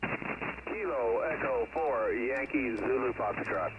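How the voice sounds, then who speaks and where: A man's voice: medium pitch, slow. A man giving terse call signs and locations as an amateur radio operator over a radio link. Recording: very noisy narrowband ham radio signal.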